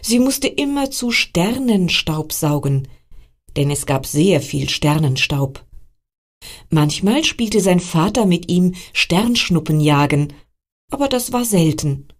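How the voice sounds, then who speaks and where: A woman reading a bedtime story for children aloud, speaking to them directly with expressive storytelling. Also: fairly low pitch, takes it slowly.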